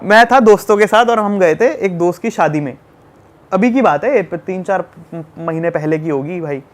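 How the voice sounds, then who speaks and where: A young man from tells a story in a casual chat. His voice sits high for a man, and he talks in an animated, emphatic way, repeating words for effect. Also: normal speed. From Delhi. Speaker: podcast guest.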